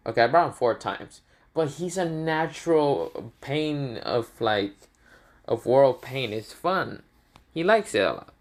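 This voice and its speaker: A man's voice: mid-range voice, lively intonation, slow. A man voicing a sly, defensive uncle caught out, in a raised voice. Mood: sheepish.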